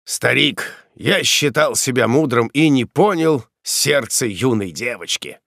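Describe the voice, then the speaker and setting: Male narrator as solemn old count, slow measured delivery, lively pitch, dry close audiobook sound. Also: creaky, dry recording. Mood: tender. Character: old former count, bitter prisoner turned gentle.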